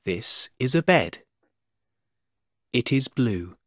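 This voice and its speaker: A man's voice: medium pitch, very animated, slow, dry recording, studio quality. A man reading numbers and short, simple sentences as scripted coursebook audio for children. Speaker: coursebook announcer and reader.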